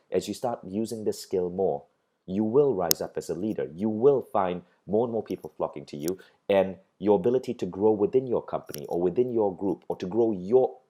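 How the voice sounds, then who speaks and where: A man's voice: lowish voice, mellow. A middle-aged man from Malaysia giving a motivational course lecture, earnest, and he repeats phrases as he builds a point. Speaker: course instructor. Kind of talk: recorded online course lecture.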